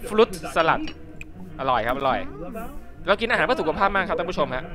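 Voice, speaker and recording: A man's voice: on the high side, animated, quick pace. A young man giving playful, chatty commentary while playing a life-simulation game, talking to his viewers. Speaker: game streamer. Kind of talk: casual gameplay commentary. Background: faint game music.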